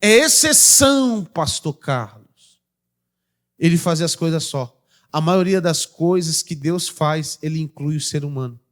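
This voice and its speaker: High-voiced Brazilian pastor preaching. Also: male voice, animated, unhurried. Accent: Brazilian Portuguese. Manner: preaching with calls to the congregation; swings between loud declarations and low asides. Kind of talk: sermon. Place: church.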